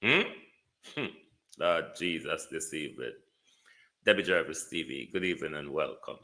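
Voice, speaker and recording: A man with a Jamaican accent hosting a live political talk stream, speaking theatrically, moving between calm and indignant heat. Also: rumbling low, moderate pace. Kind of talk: live political commentary to viewers.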